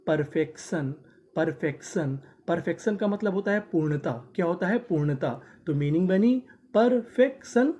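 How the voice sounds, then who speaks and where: A man teaching a class, spelling words out slowly syllable by syllable and repeating them, asking questions and answering them himself. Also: high voice, mellow. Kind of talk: classroom-style language lesson.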